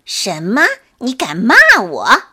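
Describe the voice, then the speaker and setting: A woman's voice: mid-range voice, lively intonation, measured pace, voice pushed down. A woman doing an arrogant bullying scorpion. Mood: angry. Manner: loud, boastful, taunting.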